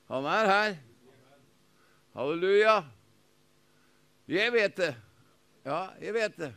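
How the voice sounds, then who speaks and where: A male pastor preaching with fervor, repeating lines and drawing answers from his listeners. His voice sits high and sounds bright and forceful. He swings from ringing proclamation to hushed retelling. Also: clean tone. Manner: fervent preaching with repetition and call-and-response; shifts from loud proclamation to hushed storytelling. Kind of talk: sermon.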